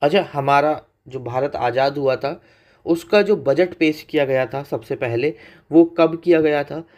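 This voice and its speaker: A man's voice: on the high side, unhurried, darkish tone. A man teaching an exam-prep economics lecture, putting questions to his students and repeating the key facts. He mixes English terms into his Hindi explanation.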